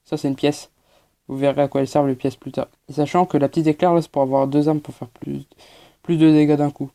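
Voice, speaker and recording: Man, very mellow dark tone, gameplay commentary, hesitant, lots of fillers. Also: a little high, level tone, quick pace, creaky. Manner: hesitant, explanatory, many fillers. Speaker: gaming channel host.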